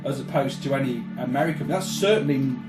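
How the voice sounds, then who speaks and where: A man's voice: mid-range voice, brisk, echoey room, music in the background, rough recording. A man co-hosting a casual chat that mocks a film, talking in a blunt, sweary, scornful way. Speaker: co-host.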